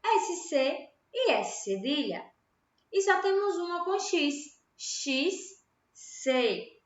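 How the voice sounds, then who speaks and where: A Brazilian woman teaching young pupils a grammar lesson, slow and patient, asking questions and answering them herself. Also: very high-pitched, big pitch swings. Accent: Brazilian Portuguese. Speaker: primary school teacher. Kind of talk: recorded online grammar lesson. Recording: echoey room, dull lo-fi home recording.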